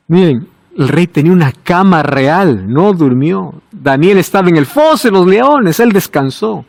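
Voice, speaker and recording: A man preaching a sermon in a fairly high voice, recorded close and dry. He asks rhetorical questions and swings from emphatic high lines to quiet, low asides. The pitch keeps rising and falling with his emphasis. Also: vocal fry, no room sound.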